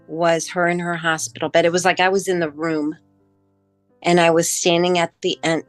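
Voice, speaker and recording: Middle-aged woman, deep-set voice, unhurried, heartfelt personal testimony, dry close sound with soft music behind. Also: no echo. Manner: emotional, halting with pauses and fillers. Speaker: near-death experience witness.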